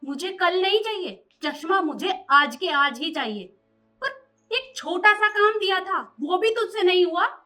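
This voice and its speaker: A woman's voice: very high-pitched, animated, measured pace, bright, forceful tone, soft background music, exaggerated voice. A woman playing a stern mother who scolds her son and lectures him in defence of her daughter-in-law. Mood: angry. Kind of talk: short family drama acting.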